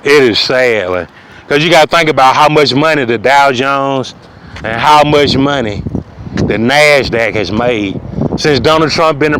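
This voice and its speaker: A man ranting profanely outdoors, preaching loudly at times and dropping to a low mutter. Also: poor audio. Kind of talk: outdoor rant to camera. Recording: wind noise outdoors.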